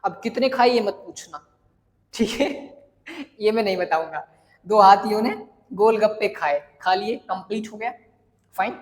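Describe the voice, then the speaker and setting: A man's voice: sits high, unhurried, pauses often, long reverb tail. A man from Jaipur teaching a casual spoken English lesson, playful and joking, often asking rhetorical questions. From Jaipur, India.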